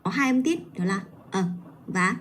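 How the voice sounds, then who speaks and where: Woman teacher on a livestream, middle pitch, slow patient repeats, bit of faint noise behind. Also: darkish tone. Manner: patient, slowly models and repeats each word. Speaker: English teacher. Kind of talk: livestreamed pronunciation lesson.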